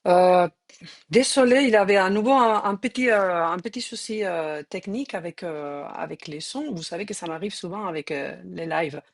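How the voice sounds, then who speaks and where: A woman's voice: fairly low pitch, moderate pace. Hesitant Spanish-accented woman hosting a live. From Spain. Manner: hesitant, many fillers and restarts. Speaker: host, journalist. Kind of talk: live-streamed interview.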